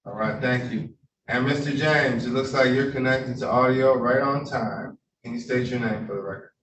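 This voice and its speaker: A man acts as judge over a remote hearing, speaking formally and politely with a mid-range voice, fairly even intonation and normal speed, though he hesitates often. The courtroom recording comes from a distant room mic and sounds roomy, with a faint hum.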